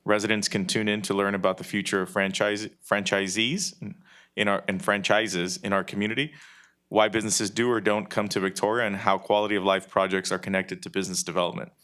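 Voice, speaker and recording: A man reading city announcements to a council meeting in a steady, businesslike way. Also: on the low side, a little fast. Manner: steady, businesslike, some fillers. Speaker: city staff member giving announcements.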